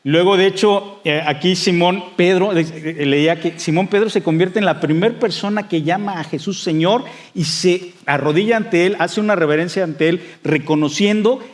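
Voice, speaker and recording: A man preaches a sermon in a fairly high voice. He talks conversationally, with many fillers and restarts, and acts out the voices he quotes with rising excitement. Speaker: pastor.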